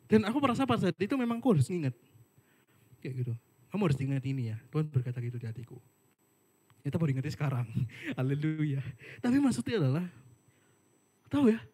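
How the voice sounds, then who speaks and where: A young man gives a relaxed sermon. His pitch runs high and swings widely as he tells stories with slangy, joking asides. His voice has a slightly husky edge. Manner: chatty storytelling, jokey asides, slangy. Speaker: worship speaker. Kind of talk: casual sermon. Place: online worship service.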